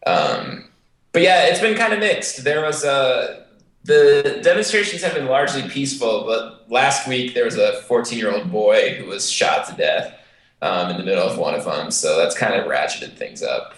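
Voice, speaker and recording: A man's voice: mid-range voice, very animated, moderate pace, a bit bright, reverberant. An American man co-hosting a casual podcast discussion in a hesitant, wordy way, over a remote call from a bare room that sounds like a bunker. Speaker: podcast co-host. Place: sparsely furnished bare room with a desk, indoors.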